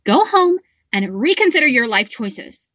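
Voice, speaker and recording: A woman's voice: mid-range voice, animated, normal speed, a bit bright, dry recording, clean studio sound. A woman voicing a fiery, scolding young heroine. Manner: indignant, scolding. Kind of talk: audiobook fan fiction reading.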